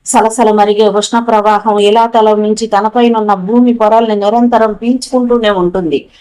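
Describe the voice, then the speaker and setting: A woman's voice: medium pitch, steady tone, normal speed, dark tone, clean tone, close to an everyday voice. A woman voicing a male professor who leads an expedition, in an urgent, commanding manner, as an audiobook character voice. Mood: explaining.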